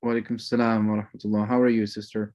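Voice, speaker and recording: A man's voice: fairly low pitch, little pitch movement, very fast, darkish tone. Chatty man greeting an online class. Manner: chatty, rambling, sprinkles religious phrases. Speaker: course instructor.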